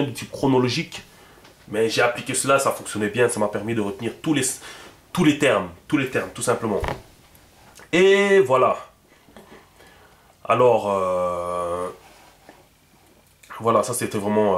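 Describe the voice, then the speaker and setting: A man walks through a writing lesson in a loose, chatty way, circling back and repeating himself with plenty of fillers. His voice sits at an ordinary middle pitch. The room around him is echoey. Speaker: teacher. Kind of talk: casual video lesson.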